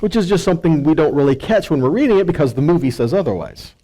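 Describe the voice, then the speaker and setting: Speaking fast and very animatedly, a man with a fairly high pitch and dark tone gives a sermon as a conversational scripture lesson. He stresses his points emphatically, paraphrases and quotes dialogue, and uses rhetorical asides to check in with the audience.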